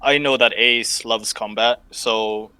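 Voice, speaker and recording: A man's voice: medium pitch, steady tone, slow pace, bright, forceful tone, smooth, no echo. A man playing a tabletop game, explaining his plans at length in a chatty way. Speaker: player.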